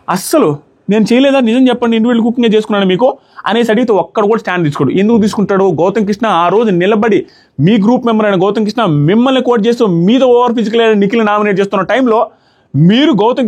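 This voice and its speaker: Male reviewer, high voice, rapid-fire argumentative take on a reality show. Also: a little mellow, slightly rough. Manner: argumentative, rapid, mixes in English words. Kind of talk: opinionated show commentary to camera.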